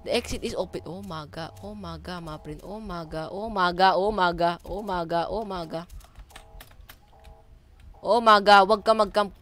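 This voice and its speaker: A woman's voice: on the low side, measured pace, a bit bright. A woman with a Filipino accent giving casual commentary on a horror game, jumpy and screaming at the scares. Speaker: gaming streamer.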